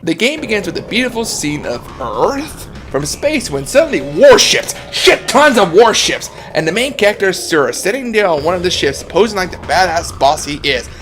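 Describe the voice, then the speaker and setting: Man reviewing a video game, casual and jokey, swears a lot, lively pitch, music behind. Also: moderate pace, hardly any pauses.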